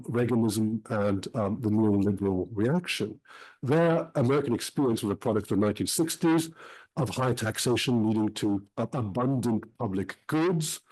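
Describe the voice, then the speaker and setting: A middle-aged man who grew up in Switzerland, giving an academic talk about his book in a measured way with many filled pauses. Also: mid-range voice, a little mellow, low-quality recording.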